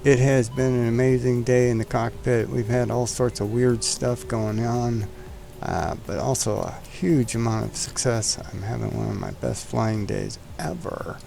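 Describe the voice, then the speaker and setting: A flight simulator streamer speaks in a warm, medium-pitched voice with vocal fry, keeping a measured pace and fairly even intonation over soft background music. He chats casually, jokes and talks to the plane while setting it up.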